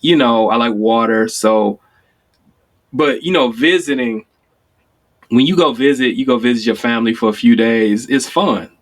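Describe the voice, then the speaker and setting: A man in his forties from Chicago, telling stories in casual conversation, acting out quoted lines with sudden jumps in pitch. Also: normal speed. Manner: animated storyteller, acts out quotes with sudden high pitch jumps. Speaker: guest.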